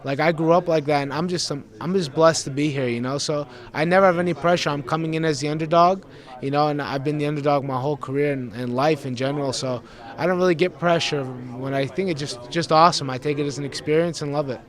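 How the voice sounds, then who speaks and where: Earnest young fighter, slightly high voice. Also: male voice, quick pace. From Greece. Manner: earnest, rambling, repeats words. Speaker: MMA fighter. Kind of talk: pre-fight interview.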